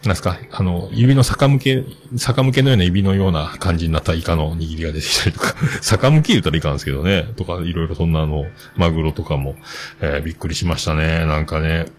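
A man's voice: deep voice, quick pace. A man with a hosting a casual solo talk show, rambling and chatty with many fillers.

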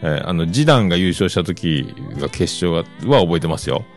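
A man's voice: deep voice, lively intonation, fairly quick, soft background music. A man in his fifties with a Kansai accent, hosting a podcast in casual solo chat, rambling along with loose asides. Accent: Kansai Japanese. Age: 50s. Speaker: podcast host.

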